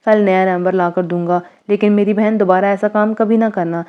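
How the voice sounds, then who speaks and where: A woman's voice: mid-range voice, clean tone, highs cut off, lightly acted. A woman voicing a stern but caring older brother who reassures his sister, read in her own voice in a spoken story. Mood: protective. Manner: calm, reassuring, firm.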